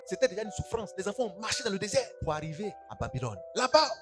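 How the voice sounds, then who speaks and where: An Ivorian pastor preaches in rapid, high-pitched bursts that leap up and down in pitch. He keeps checking in with his congregation and acts out the voices of the people he quotes. Music plays behind him in the church. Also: sing-song. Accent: Ivorian French. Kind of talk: sermon.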